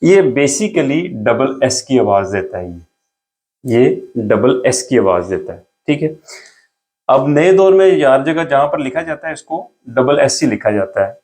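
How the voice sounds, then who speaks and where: This man gives a beginner language lesson, patiently explaining each step and slowly repeating every sound as he writes. His voice is medium in pitch, very animated, and a little mellow.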